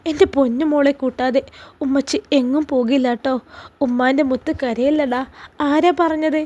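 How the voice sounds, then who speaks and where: A woman voicing a tender young mother who soothes her crying daughter in a soft, coaxing way, with a Malappuram Malayalam accent. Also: sits high, fairly even intonation, moderate pace, muffled recording, lightly acted.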